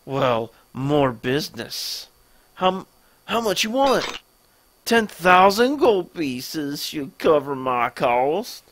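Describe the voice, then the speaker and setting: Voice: medium pitch, very animated, slow pace, slight background noise, voice pushed down. A player doing a smug Southern merchant villain. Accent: put-on Southern US. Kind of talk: let's-play voice acting.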